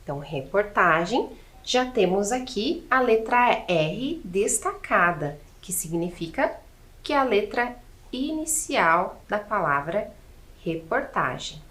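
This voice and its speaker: Slow, patient woman teaching children. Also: mid-range voice, sing-song, a bit bright. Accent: Brazilian Portuguese. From Brazil. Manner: counts aloud deliberately, asks rhetorical questions.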